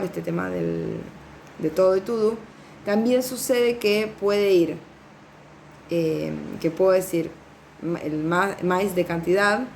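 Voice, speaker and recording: A woman's voice: fairly low pitch, a little mellow, slight background noise. A woman teaching a recorded class, explaining step by step with fillers and frequent checks on her students. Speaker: Portuguese teacher.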